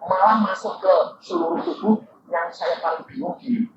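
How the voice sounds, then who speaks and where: An older man preaching a sermon full of stories, swinging from low asides to high shouted quotes. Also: very animated, normal speed, gravelly, noisy background. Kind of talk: sermon with anecdotes. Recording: dull, echoey hall recording from far off.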